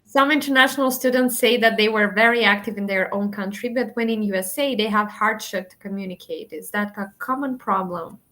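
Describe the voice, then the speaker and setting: A woman's voice: medium pitch, a little fast, hardly any pauses, sharp tone. A woman moderating an online session, reading out questions from the audience.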